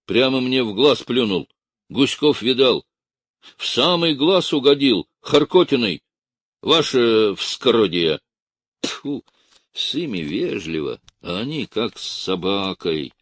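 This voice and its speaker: A man's voice: mid-range voice, big pitch swings, slow, a bit bright, slightly rough, no echo, studio quality, pitched above the performer's own voice, heavily acted. A man voicing a simple gendarme who complains in a whiny voice. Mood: whining. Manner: whining, tearful reporting.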